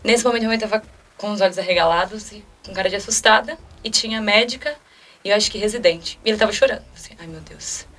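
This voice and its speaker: A young woman in her twenties with a Brazilian Portuguese accent, a guest telling a personal story quickly and emotionally and acting out quoted dialogue. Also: mid-range voice, a bit bright. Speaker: interview guest. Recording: mic at a distance, faint music.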